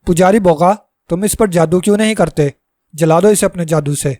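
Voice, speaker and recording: A haughty little dwarf king on horseback, voiced by a male storyteller, shouting his commands. His tone is fairly high, and the sound is close and dry. It is read as a storybook. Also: dry recording, natural voice. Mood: scolding.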